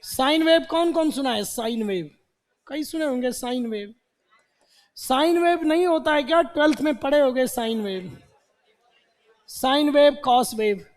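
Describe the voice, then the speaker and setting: A man's voice: very high-pitched, measured pace, pauses often. A man teaching vocabulary to a class, repeating words and quizzing students with questions. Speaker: English teacher. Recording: long hall reverb.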